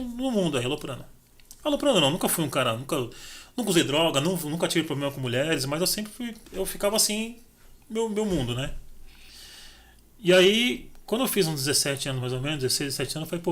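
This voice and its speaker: A middle-aged man talks quickly and a little high, telling his story to a podcast host. He acts out each exchange and switches into the other people's lines as he goes. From Brazil. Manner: animated, acts out dialogue in his stories. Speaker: podcast guest. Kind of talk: casual storytelling.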